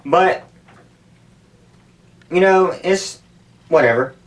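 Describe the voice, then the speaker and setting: This man's voice sits high and moves extremely slowly as he talks casually to camera from an ice bath indoors at home. He's a stunt-video YouTuber, candid and profane, wandering from one thought to the next, and the camera catches him distantly, off-mic.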